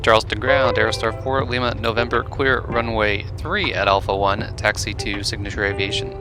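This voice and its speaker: Lowish male pilot voice for cockpit headset radio calls: crisp, matter-of-fact readbacks over background music. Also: level tone, moderate pace. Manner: clipped, matter-of-fact aviation phraseology. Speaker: flight simulator pilot.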